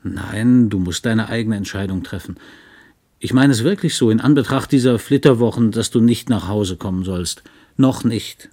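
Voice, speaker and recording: A man voicing an earnest middle-aged husband in an audiobook reading, speaking softly and haltingly, with sincere pleading. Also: on the low side, breathy edge. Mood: gentle.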